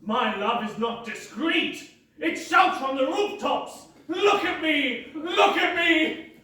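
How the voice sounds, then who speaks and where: In an echoey theatre, far from the mic, a melodramatic young suitor with a hammy stage-actor delivery. The voice is very high for a man and slow. He declaims his love pompously in a stage comedy. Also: lively intonation, pushed and bright, exaggerated voice. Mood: grandiose, defiant. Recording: echoey theatre, distant microphone.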